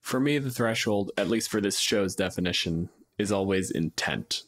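A man hosts a podcast and discusses tabletop gaming in casual, blunt gamer talk. His voice sits low but has a slight brightness, and he speaks at a normal speed.

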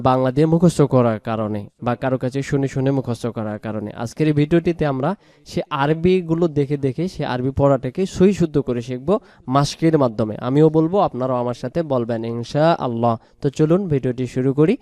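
A man with a Bangladeshi Bengali accent teaching Quran pronunciation word by word, explaining each sound and repeating words slowly. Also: mid-range voice, warm tone, no echo. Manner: explains, then chants words slowly and drawn out. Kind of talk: slow word-by-word pronunciation lesson.

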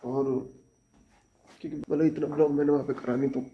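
A man's voice: a little high, level tone, fast. A young man, chatting casually to his viewers in a village home vlog and calling them brothers. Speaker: vlogger. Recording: loud background noise, dogs barking.

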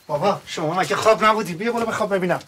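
A flustered brother in a TV comedy drama who pleads and makes quick excuses. His voice is high and bright, with a little noise behind it. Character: flustered middle-aged brother, fast-talking and evasive. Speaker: younger brother caught hiding guns.

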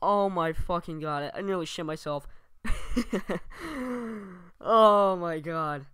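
Man acting scared horror game streamer, bright voice. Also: fairly high pitch, takes it slowly, clean tone, no echo, clean studio sound. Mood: panicked. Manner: exaggerated screaming, heavy swearing, fake panic. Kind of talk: parody Let's Play commentary.

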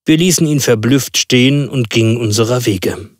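A man reading an audiobook, narrating a classic novel in steady, even storytelling. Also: mid-range voice, moderate pace, no room sound, studio quality. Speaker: audiobook reader.

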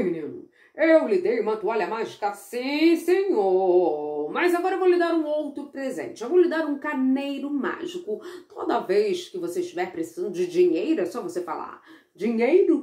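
A woman voicing the North Wind, a stern, impatient spirit who talks briskly and scolds. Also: mid-range voice, a little mellow, natural voice. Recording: roomy echo.

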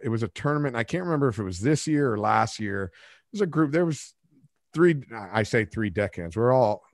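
Expressive and a little fast, a medium-pitched male voice comes through a dry recording made in a home studio room with a studio mic and headphones. The forty-something podcast host makes casual interview chat, rambling and restarting as he tells stories that mock himself.

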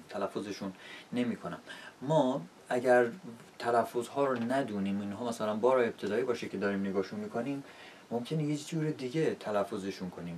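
A man's voice: lowish voice, darkish tone, far from the mic, slight background noise. A man teaching an English lesson in a casual, explanatory way, often checking in with rhetorical questions.

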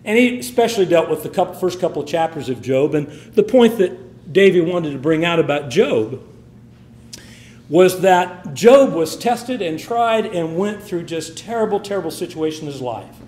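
A man's voice: on the high side, expressive, normal speed, a little mellow, reverberant. A man preaching a sermon with emphatic, swinging delivery. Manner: emphatic, rising and falling delivery.

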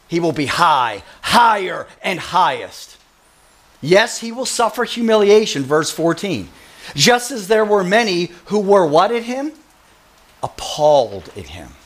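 A male Bible teacher with a high, very animated voice, stressing single words as he reads verses aloud. He talks at an unhurried, deliberate pace and keeps firing questions at his listeners. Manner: emphatic, quizzes listeners, repeats key words. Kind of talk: expository sermon.

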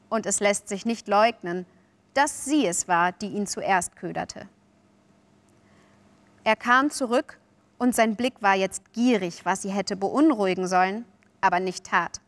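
A young adult actress calmly reading a children's story aloud. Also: female voice, medium pitch, no echo. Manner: calm, unhurried storytelling.

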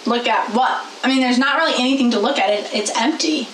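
A woman's voice: fairly high pitch, fast talker, a bit bright, natural voice. A young woman playing a folksy, exasperated farm girl who keeps chickens, in a church skit recorded in a small echoey room. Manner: exasperated, bewildered folksy delivery. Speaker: guest in a skit. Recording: echoey room with faint hiss.

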